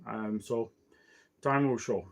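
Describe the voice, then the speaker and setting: Halting, tired man hosting a cigar show. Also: lowish voice. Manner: halting, many fillers and restarts. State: tired, yawning. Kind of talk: casual solo talk show.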